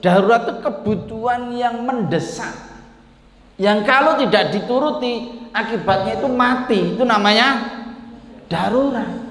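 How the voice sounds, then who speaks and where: A man with a Javanese accent teaching a religious study lecture, telling stories and mixing in Arabic recitation and Javanese asides. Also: fairly high pitch. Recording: echoey hall with long reverb.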